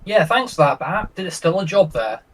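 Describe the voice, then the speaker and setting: A male player chats loosely after a tabletop session, easygoing and joking. His voice sits fairly high for a man. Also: big pitch swings, normal speed, a bit bright, rough recording. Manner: easygoing, jokey.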